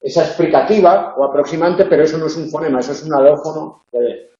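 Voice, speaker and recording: A man's voice: on the high side, fast talker, dark tone. Man lecturing in an echoey classroom. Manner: explanatory, frequent filler "eh" and tag questions. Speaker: university lecturer. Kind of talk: tutorial lecture on phonology. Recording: echoey room, dull lo-fi sound.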